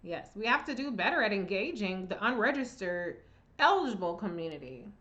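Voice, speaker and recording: A woman's voice: medium pitch, sing-song, a little fast, fairly bright tone, highs cut off. A woman hosting a live Q&A, reading viewer comments and answering in a blunt, chatty, profane way. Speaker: livestream host.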